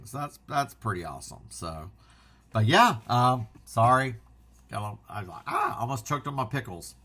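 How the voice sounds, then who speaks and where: Man, vlog host, casual chat, bright voice, excitable, rambling. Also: mid-range voice. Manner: excitable, rambling, self-interrupting. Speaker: physical media channel host.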